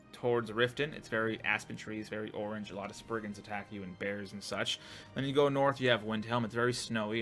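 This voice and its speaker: A man's voice: mid-range voice, bright, forceful tone. A man hosting his own gaming channel, giving a casual, rambling opinion monologue full of fillers, restarts and swearing.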